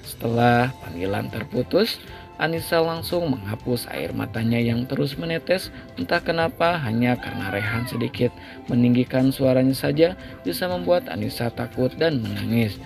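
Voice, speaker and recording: A man's voice: mid-range voice, expressive, moderate pace, creaky. A man narrating a serialized romance novel and closing with a friendly sign-off to his listeners. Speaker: story narrator. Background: background music.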